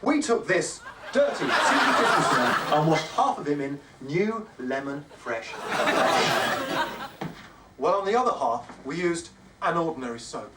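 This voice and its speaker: High-pitched brash spoof soap-powder pitchman played by a man. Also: sing-song, a little slow. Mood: salesmanlike zeal. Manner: salesmanlike, emphatic. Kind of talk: spoof TV advert presentation. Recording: distant noisy camcorder sound, loud audience.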